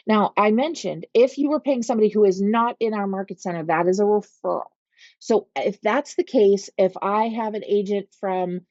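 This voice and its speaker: Speaking in a mellow, dark, medium-pitched voice with a Pittsburgh accent, a real estate trainer leads agents through a calm screen-share software walkthrough. She goes step by step and patiently asks "okay?" as she goes. There's no echo, and the audio is dry, slightly dull and lo-fi, like a computer mic.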